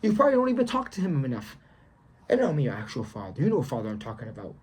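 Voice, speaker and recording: Young male vlogger, mellow husky voice, preachy and repetitive, casual slang. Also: mid-range voice, huge pitch swings, rapid-fire. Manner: emphatic and preachy, repeats himself, slangy. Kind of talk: casual faith vlog monologue.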